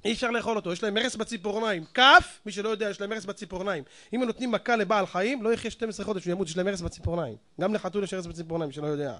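A man preaching, telling a story in a lively way and addressing the audience directly. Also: sits high, few pauses. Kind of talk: animated sermon storytelling.

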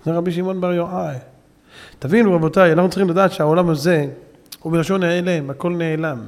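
A man giving a Torah sermon, telling a story with emphatic build-ups and sudden shouting peaks, and addressing the audience directly. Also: a little high, fairly even intonation, big-room sound. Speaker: rabbi preacher.

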